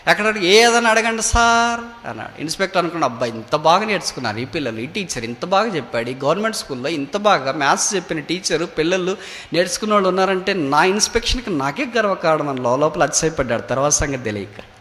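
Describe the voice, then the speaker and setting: A man with a Telugu accent preaching a sermon in a prayer hall, swinging from loud rising cries to low quiet asides. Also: expressive, quick pace. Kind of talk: sermon with acted story. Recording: long hall reverb.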